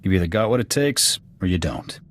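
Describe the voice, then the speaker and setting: Playing a video game's gruff, proud alien officer who is second to his commander, a male actor with an American accent speaks in a low, animated, fairly quick voice. The delivery is clipped and blunt in a military way, the mood matter-of-fact and resolute, and music plays under the lines.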